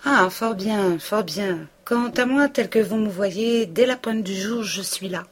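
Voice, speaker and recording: A woman's voice: medium pitch, a little slow, slightly rough, voice pushed up. A woman reading a novel aloud, voicing a male village tax collector who speaks curtly and slyly. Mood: chatty. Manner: curt and sly.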